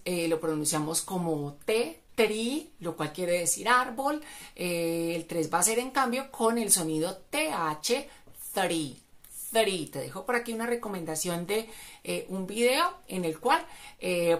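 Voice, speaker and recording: A woman with Spanish as her first language, teaching English pronunciation and repeating each word slowly for practice. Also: fairly low pitch, fairly bright tone. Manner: repeats words slowly for drilling. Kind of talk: pronunciation lesson.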